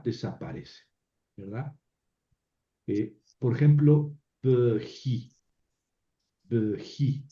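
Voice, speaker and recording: A man teaching a recorded lesson, explaining patiently with tag questions and small self-corrections. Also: medium pitch. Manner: unhurried, explanatory, with frequent "¿verdad?" tags and self-corrections. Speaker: Hebrew teacher. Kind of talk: recorded lecture. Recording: dull roomy lecture recording.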